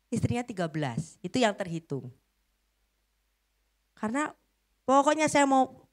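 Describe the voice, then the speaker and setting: A middle-aged woman preaching a sermon, telling a story dramatically and swinging between loud bursts and hushed lines. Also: mid-range voice.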